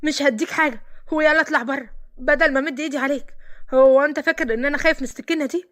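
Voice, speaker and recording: A woman's voice: high voice, fairly even intonation, racing, fairly bright tone. An Egyptian woman voicing a secretive wealthy man who speaks firmly and gives warnings. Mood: alarmed. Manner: warning, firm.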